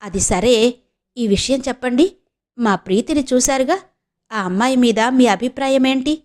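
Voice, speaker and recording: Brief: witty young wife in an audio novel, read by a woman, polite with a teasing edge, slightly high. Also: normal speed, darkish tone, natural voice. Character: young married woman, sharp-witted and teasing.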